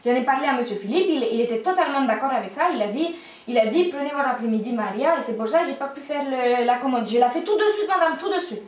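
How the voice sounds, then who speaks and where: A stammering Spanish housemaid pleads and apologizes, tripping over her words, as a woman puts her on. The voice climbs high and strained, heard from far off in an echoing room. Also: expressive, fast. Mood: flustered apologetic. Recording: roomy echo, far from the mic.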